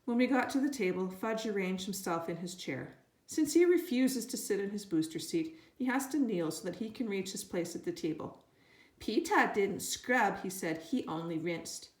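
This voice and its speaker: A woman reading a children's book aloud at a mid pitch, storytelling with lively energy. Her voice bounces around an echoey room. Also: moderate pace. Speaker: reader. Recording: roomy echo.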